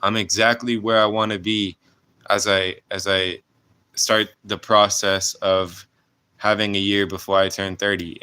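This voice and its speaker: Deep, bright-toned man reflecting earnestly. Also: clear, resonant tone. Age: 20s. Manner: earnest, halting, many restarts and fillers. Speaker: vlogger. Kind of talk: reflective personal vlog.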